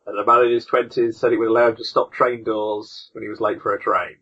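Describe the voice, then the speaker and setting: A man's voice: lowish voice, little pitch movement, quick pace, bright, forceful tone, slightly rough. Male podcast host, casual rambling chat, tinny lo-fi sound through a call mic. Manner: chatty, rambling while clicking through links. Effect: tinny, lo-fi wrong-microphone sound. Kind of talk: casual chat reading news. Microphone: online call.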